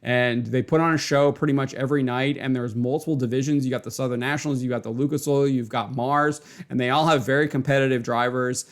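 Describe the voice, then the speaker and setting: A man hosting a casual race recap video. He talks excitably, chuckles often and repeats words. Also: mid-range voice, fast, few pauses. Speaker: racing video host.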